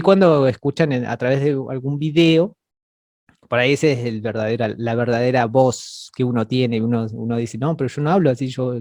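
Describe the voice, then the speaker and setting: A man's voice: mid-range voice, darkish tone, dry recording, studio quality. A man teaching an online class over a video call, explaining patiently and often repeating words as he goes.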